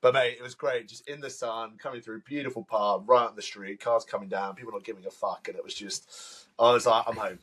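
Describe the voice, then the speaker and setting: A man co-hosting a podcast, rattling through his stories at a fast clip. His pitch is mid-range, and his talk is loose and chatty, with the odd swear word. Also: steady tone, a bit bright. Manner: quick, chatty storytelling with swearing. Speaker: podcast co-host. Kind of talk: casual chat.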